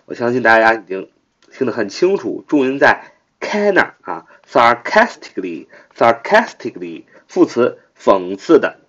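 A man hosting a vocabulary lesson, spelling letters slowly, repeating the word many times and using frequent filler sounds. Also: mid-range voice, sing-song, fairly bright tone. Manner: frequent filler "啊" between phrases. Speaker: English vocabulary teacher, podcast host. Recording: muffled lo-fi audio.

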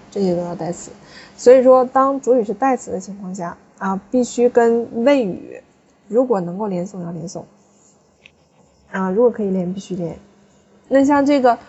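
Woman, classroom teacher, patient explainer, mellow tone, lo-fi sound. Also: mid-range voice, slightly rough. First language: Chinese. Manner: patient, explanatory, frequent tag questions. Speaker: French teacher. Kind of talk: classroom lesson.

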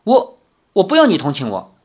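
A man voicing a proud, quick-tempered teenage swordswoman in a storybook reading, sharp and quarrelsome. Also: a little high, wildly swooping pitch, husky, pitched above the performer's own voice, exaggerated voice. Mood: tearful, indignant.

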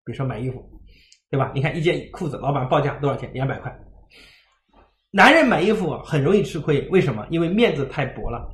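Animated fast-talking man lecturing parents. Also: fairly high pitch, roomy sound. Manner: lively storytelling, acts out dialogue.

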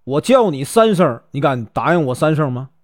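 A man with a Northeastern Chinese accent voicing a proud, quick-tempered Taoist priest who speaks with indignant threats. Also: on the high side, expressive, no room sound, clean studio sound, lightly acted.

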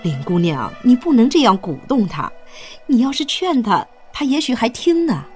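A man's voice: extremely high pitch, sing-song, moderate pace, husky, soft background music, voice pushed up, exaggerated voice. A man voicing a fussy old nursemaid in a children's story reading, with a scolding, fretful manner.

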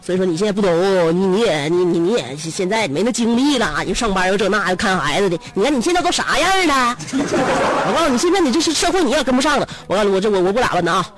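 A woman radio host puts on a chirpy, overconfident young woman friend. She brags breezily with a lively, bouncing pitch. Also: natural voice. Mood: lecturing. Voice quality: boastful, breezy, quick talker.

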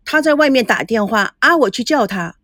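A woman's voice: a little high, animated, normal speed, no room sound, studio quality. A woman voicing a young female crew member who speaks coldly and grumbles. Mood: grumbling. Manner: cold, sharp complaining.

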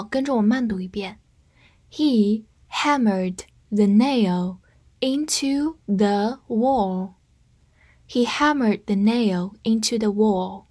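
A woman with a slightly rough voice on the high side teaches English vocabulary in a scripted lesson, spelling words out and leading slow read-along drills.

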